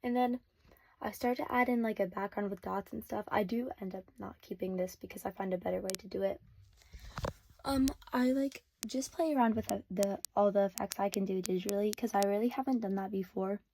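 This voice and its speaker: Teen girl, casual voice-over, mellow tone, halting and filler-heavy, no real mic. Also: mid-range voice, slight background noise. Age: teens. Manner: hesitant, many fillers like "like" and "um". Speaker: vlogger. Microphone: no external mic.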